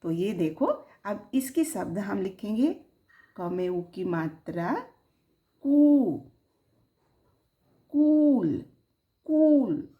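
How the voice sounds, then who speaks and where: A woman teaching young children, sounding out syllables slowly and lifting her voice on each example word. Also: on the low side, expressive, dark tone, muffled recording. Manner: slow, drawn-out, sounding out syllables; sing-song, rising on the example words. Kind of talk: children's Hindi lesson.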